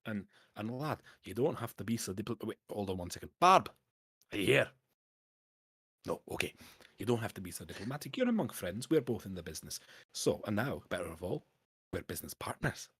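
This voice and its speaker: A man voicing a stingy, gruff male merchant with a Scottish accent that drifts toward Irish. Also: on the low side, animated, quick pace, no room sound, clean studio sound. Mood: scheming.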